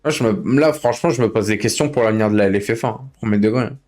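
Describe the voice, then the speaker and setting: A man running an online racing league chats casually with other players on his live gaming stream, complaining in slangy, informal speech and repeating himself. His voice is lowish and darkish, and he talks fast. Soft music plays in the background.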